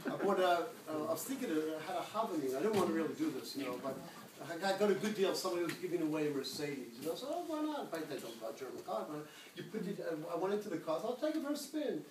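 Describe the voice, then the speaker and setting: A man's voice: on the high side, lively intonation, racing. A man giving a joking Purim-season speech as a guest at a study group, rambling and repeating his words, recorded far off in a noisy indoor hall. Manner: rambling, self-deprecating, repeats words often. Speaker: guest speaker at a kollel. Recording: echoey room from far off, loud noise.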